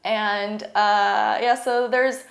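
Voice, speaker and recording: A young woman from California talks through a presentation in a loose, casual way, filling pauses with "um" and "like". Her voice sits at an ordinary middle pitch. It bounces around an echoey room. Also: fairly even intonation. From California, USA. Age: young adult. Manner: casual, uses "like" and "um" often. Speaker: university student. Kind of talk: presentation talk.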